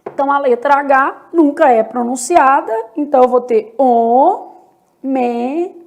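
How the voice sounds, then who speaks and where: A Brazilian woman teaching a Portuguese grammar lesson, slow and deliberate, asking questions and answering them herself. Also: high voice. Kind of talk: exam-prep grammar lesson.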